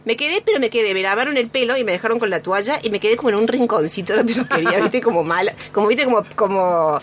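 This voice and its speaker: A woman in her forties with a Rioplatense Spanish accent, telling a story in animated casual chat and acting out the voices of others. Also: on the high side, fast. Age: 40s.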